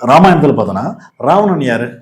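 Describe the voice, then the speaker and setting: A host with a Tamil Nadu accent offers casual, opinionated political commentary, explaining things argumentatively. His mid-range voice moves in big pitch swings, and he talks fairly quickly.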